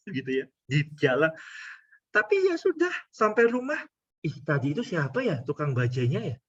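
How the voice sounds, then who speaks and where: Husky, lively-voiced priest preaching. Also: male voice, high-pitched, lo-fi sound. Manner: conversational, anecdotal and humorous, often addressing listeners directly. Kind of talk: homily to a congregation.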